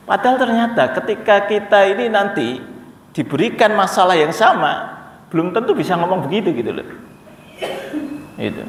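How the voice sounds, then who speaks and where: A man's voice: sits high, distant mic, slight background noise. A man giving a conversational religious lecture as an Islamic teacher, chuckling and acting out dialogue. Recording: echoey hall from afar.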